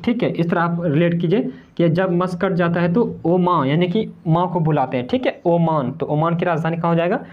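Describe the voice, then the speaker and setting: An online tutor explaining memory tricks for general-knowledge exams, repeating each point and asking questions only to answer them. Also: medium pitch. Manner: repetitive, poses and answers own questions, keeps calling viewers "friends". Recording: slightly dull, lo-fi recording.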